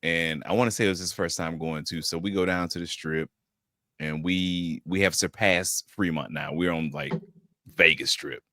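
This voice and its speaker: A man's voice: deep voice, steady tone, moderate pace, pushed and bright, dry recording. A man co-hosting a podcast, telling a story in casual chat and laughing now and then. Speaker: podcast co-host.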